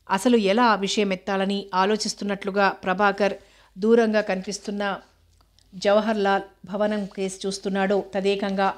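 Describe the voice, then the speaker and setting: A woman narrating a novel in a steady, even storytelling manner. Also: medium pitch. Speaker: audiobook narrator.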